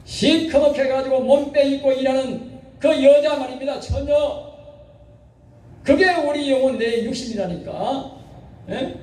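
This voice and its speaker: High-voiced pastor preaching in a hall. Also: male voice, measured pace, long pauses, darkish tone. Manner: exhorting, keeps asking the congregation to answer. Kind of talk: sermon. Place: church sanctuary. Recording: echoey church hall from far off.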